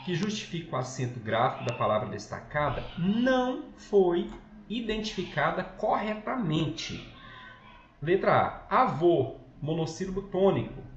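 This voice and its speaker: A man with a Brazilian accent, a school Portuguese teacher recording a lesson at home, talking patiently, often checking in and correcting himself. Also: high-pitched. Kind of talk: recorded online lesson walkthrough. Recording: echoey, slightly dull home recording with faint noise.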